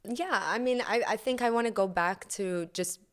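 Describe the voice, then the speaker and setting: A woman guest on a casual interview podcast, relaxed and upbeat, with easy laughs and filler words. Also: medium pitch, normal speed. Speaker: guest, entrepreneur and yoga instructor.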